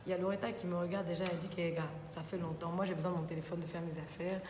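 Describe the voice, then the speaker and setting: This young adult woman, a TV columnist, talks very fast in a lowish, level, slightly mellow voice. She hosts a laid-back live Q&A, going through viewer comments and leaning on repeated filler interjections. The recording carries roomy studio reverb and faint background noise.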